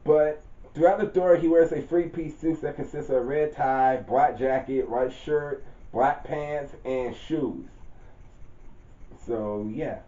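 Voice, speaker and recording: A man's voice: on the high side, slow, mellow. Man, casual rambling character rundown, informal grammar, self-corrections; roomy echo, dull lo-fi sound. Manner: loose and rambling, correcting himself mid-sentence. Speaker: channel host describing his own story character. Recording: roomy, dull lo-fi home recording.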